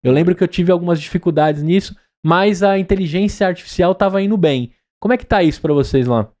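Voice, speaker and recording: Here the podcast host from Brazil talks fast in a high-pitched voice with a dark tone and a São Paulo accent. He asks long, chatty interview questions, often tacking a tag question onto the end.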